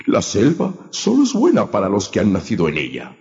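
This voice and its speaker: A man's voice: lowish voice, huge pitch swings, fairly quick, a little mellow, pitched above the performer's own voice. A wise female panther, voiced by a man. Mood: earnest. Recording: echoey, dull, music behind.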